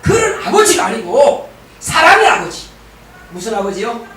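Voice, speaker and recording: A man's voice: extremely high pitch, wildly swooping pitch, moderate pace, fairly bright tone, slight background noise. A middle-aged man preaching a sermon as pastor, emphatic and calling for responses from the congregation. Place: church sanctuary. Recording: very echoey church hall, distant mic.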